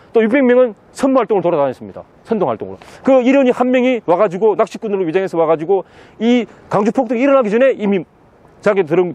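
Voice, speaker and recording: A man's voice: sits high, a little mellow, dry recording, muffled recording. A man giving an impassioned outdoor interview, pressing his points by repeating the same words again and again. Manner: insistent, hammers key words again and again. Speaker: interviewee, political commentator. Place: outdoors in a city.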